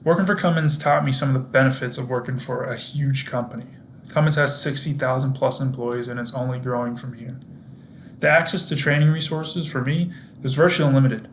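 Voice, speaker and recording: A man's voice: medium pitch, a little fast, a little hiss or hum. A young man presenting his internship work in a scripted video, explaining things to viewers directly in an upbeat, friendly way. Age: young adult.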